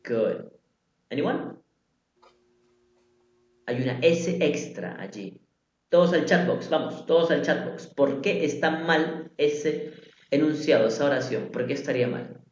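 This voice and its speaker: In an echoey room with dull lo-fi audio, a man teaches English in a live online language class. His voice is fairly high and his pace measured, with long pauses, as he patiently repeats sample phrases and puts questions to the students.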